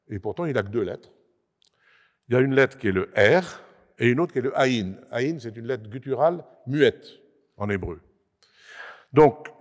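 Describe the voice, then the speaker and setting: A man giving an explanatory talk at a conference panel, emphatic, with frequent hesitations and restarts. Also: mid-range voice. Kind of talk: lecture-style talk to an audience. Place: assembly hall. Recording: long reverb of a large hall.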